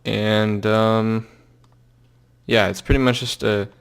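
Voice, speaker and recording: A young man casually walking through a software tutorial, loose and halting with lots of fillers and restarts. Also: on the low side, level tone, gravelly, clear, resonant tone. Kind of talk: casual screen-recorded tutorial.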